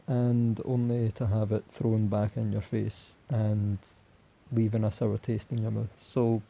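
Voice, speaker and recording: Hoarse, dark-voiced young man, voice giving out. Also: fairly low pitch, little pitch movement, a little slow. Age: young adult. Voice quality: husky, raspy. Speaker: football fan vlogger. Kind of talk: solo post-match reaction talk.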